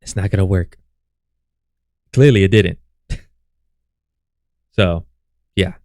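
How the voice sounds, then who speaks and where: A man's voice: low-pitched, slow pace, a little mellow, no echo, clean studio sound. A man reacting to a video as a streamer, heckling the clip and swearing freely. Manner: profane, mocking, heckles the clip. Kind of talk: casual reaction commentary.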